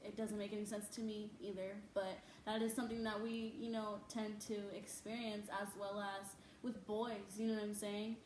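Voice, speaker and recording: A young woman, the host's daughter, talking in a relaxed, conversational way with many fillers. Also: mid-range voice, moderate pace, few pauses. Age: young adult. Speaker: daughter, guest. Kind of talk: casual chat. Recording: echoey room, faint noise.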